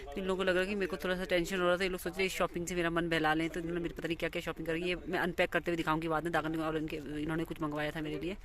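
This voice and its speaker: An Indian-accented woman vlogs from a busy outdoor market street, shooting on her phone without a separate mic, so crowd and vehicle noise comes through. Her narration is chatty, repetitive and full of pointing things out, yet delivered rapid-fire in a lowish, completely flat voice.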